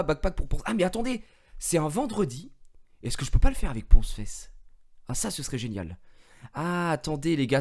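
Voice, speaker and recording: A young man chatting on his live stream. His pitch leaps around as he tells a story, doing little voices for the people he quotes. He keeps it loose and conversational. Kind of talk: casual live-stream chat.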